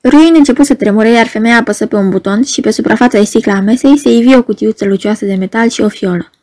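A woman narrating a novel in a steady, scripted audiobook reading. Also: a little high.

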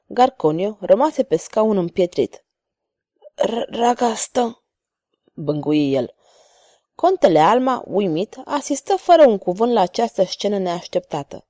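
A woman reads a swashbuckling novel aloud with expressive, animated intonation. Her voice is warm and mellow, recorded close and dry with no room sound. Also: medium pitch, dry recording. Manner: expressive, voices every character. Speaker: narrator. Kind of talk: audiobook reading of an adventure novel.

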